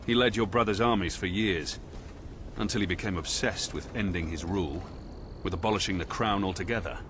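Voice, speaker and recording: An actor playing a stern, dutiful prison commander in a video game, with a formal military manner. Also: male voice, low-pitched, brisk, background noise, lightly acted. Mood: formal, foreboding. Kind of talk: video game cutscene acting.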